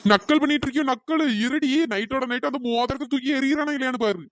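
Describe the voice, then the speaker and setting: A woman's voice: high-pitched, fast talker, dry recording, natural voice. A woman voicing a tall, bickering cartoon husband who blusters and complains after being beaten. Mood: aggrieved. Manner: blustering, threatening, self-pitying.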